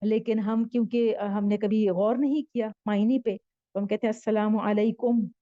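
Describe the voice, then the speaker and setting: A woman teaching Arabic grammar in a slow spoken lesson, patiently repeating each word form with its meaning. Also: medium pitch, fairly even intonation, dark tone, no echo, highs cut off.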